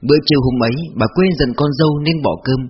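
A man reading a story aloud in measured, heartfelt narration. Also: mid-range voice, husky. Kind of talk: scripted narration. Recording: dull lo-fi audio with faint music.

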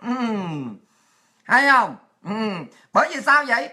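A woman's voice: a little high, very animated, slow, pushed and bright. A woman, delivering a sarcastic, crude political rant as the host of her own commentary show. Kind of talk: ranting monologue.

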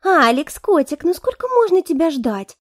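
Lady doing a pouty whiny young woman, squeaky high and cooing. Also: very animated, normal speed, no room sound, studio quality.

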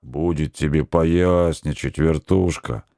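A man voicing a huge, good-natured diver who rumbles in a bass voice. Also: animated, moderate pace, no room sound, clean studio sound.

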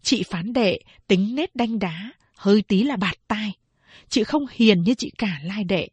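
A woman narrating a novel in a steady, measured storytelling voice. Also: mid-range voice, slightly rough, dry recording.

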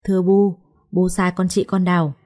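A woman's voice: fairly low pitch, level tone, normal speed, dark tone, lightly acted. A woman storyteller voicing a spiteful, scheming elder daughter-in-law who talks down to others with sneering condescension.

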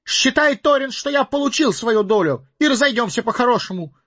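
A man's voice: very high-pitched, lively intonation, fairly quick, fairly bright tone, no room sound, highs cut off, voice pushed up, exaggerated voice. A man reading an audiobook voices a frightened, timid little male hobbit who stammers and pleads. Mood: flustered.

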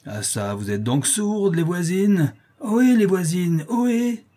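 A hulking drunken brute shouts and slurs his threats, as a man reads him. His husky, dark voice is pushed up high and loud. He comes across as menacing and bullying. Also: normal speed, natural voice. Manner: bellowing, threatening, slurred. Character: drunken lame brutish male neighbor.

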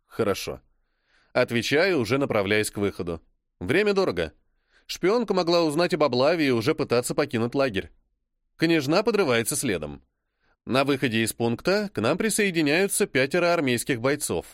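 A man narrating a first-person novel in a calm, measured reading. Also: mid-range voice, no room sound, studio quality. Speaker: audiobook narrator.

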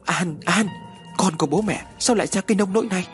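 A man's voice: high-pitched, quick pace, soft background music, pitched above the performer's own voice, close to an everyday voice. A man voicing a middle-aged village father who cries out in anguish in a spoken horror story. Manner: crying out in anguish.

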